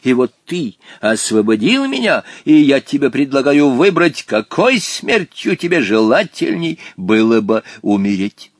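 A man's voice: medium pitch, big pitch swings, unhurried, hardly any pauses, no echo, studio quality. A man voicing a pompous, wrathful old male genie in an audiobook, speaking in archaic, threatening phrases. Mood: haughty. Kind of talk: audiobook character voice.

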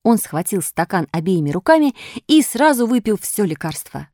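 Narrator: woman, expressive storybook reader, bright melodic delivery. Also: medium pitch, normal speed, dry recording, studio quality. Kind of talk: storybook reading.

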